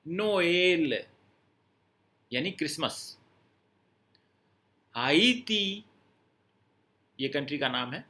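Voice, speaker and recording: A French teacher with a slightly high, sharp male voice leads a language lesson. He explains each step, repeats words, and asks his students whether they've understood.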